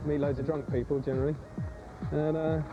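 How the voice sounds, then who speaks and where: A man's voice: fairly high pitch, flat delivery, brisk. A man working as a driver, easygoing and plain-spoken in a documentary interview, heard off a worn VHS tape copy. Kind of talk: casual interview talk. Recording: dull worn tape copy with music behind.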